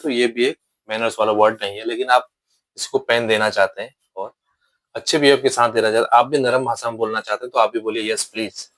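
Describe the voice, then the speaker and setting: A man teaching good-manners phrases in an English lesson, explaining patiently and repeating each example phrase slowly. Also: mid-range voice, no echo, low-quality recording. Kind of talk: spoken English lesson in Hindi.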